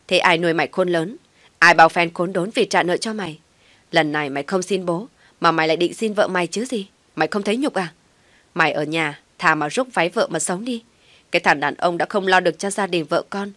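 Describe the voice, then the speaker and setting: Storybook role: contemptuous elder brother, woman reader, stern loud scolding, dry sound. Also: on the low side, no room sound, natural voice. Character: angry older brother lecturing his sibling.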